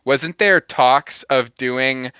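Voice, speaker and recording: A man with a bright, clean voice of medium pitch chats casually as a podcast co-host. He gives feedback in an agreeable way, hedging and correcting himself as he goes. The recording is dry and close. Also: very slow, smooth, no echo. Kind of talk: casual chat.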